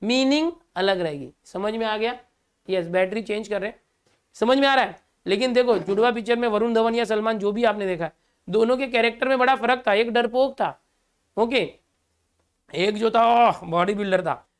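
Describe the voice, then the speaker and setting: A man's voice: high-pitched, moderate pace, clear, resonant tone. A middle-aged Indian man teaching a class, who explains each word and repeats it, then asks the students to say it back. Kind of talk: classroom lecture.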